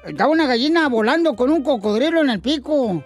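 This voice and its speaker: Man, radio host, high voice, playful joking banter, music behind. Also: expressive, fast. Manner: playful, laughing, slangy joke-teller.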